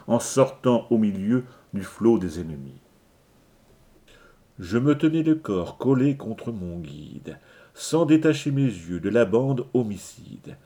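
A man recites classic rhymed verse in a measured, declamatory rhythm. His voice is low, and he takes each line very slowly, giving the couplets their full weight. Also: dark tone. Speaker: reader.

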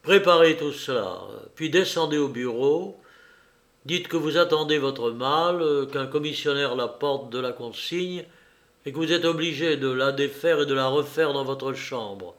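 A man reading an audiobook, voicing a cool, commanding gentleman burglar who gives brisk, ironic orders, a little higher and louder than his narration. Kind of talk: audiobook character voice.

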